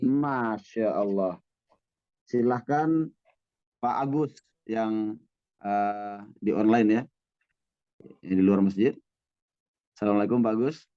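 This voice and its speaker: A man leading an Arabic grammar class, speaking at a patient, drawn-out pace with pauses and fillers. The sound is dry and a little dull, with almost no room echo. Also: lowish voice, clean tone. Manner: patient, drawn-out teaching cadence with frequent fillers. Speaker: Arabic teacher. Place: mosque classroom with online students.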